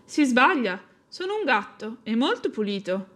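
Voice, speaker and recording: A woman voicing a timid, stubborn young female seagull in a shrill, pleading voice. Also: sing-song, normal speed, a bit bright.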